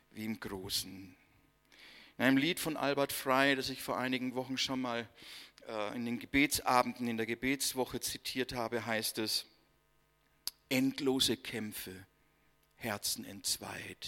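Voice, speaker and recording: A man preaching a sermon, slow and emphatic, with dramatic pauses and line endings that fade to near silence. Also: medium pitch, pushed and bright. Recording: long hall reverb.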